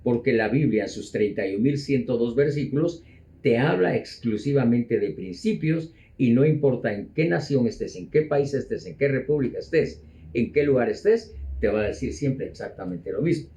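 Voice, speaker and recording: A man speaking as an interview guest in a dark, mellow voice. He explains at a measured pace and repeats words as he goes. He slows down to stress his points. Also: mid-range voice, animated. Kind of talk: conversational explaining.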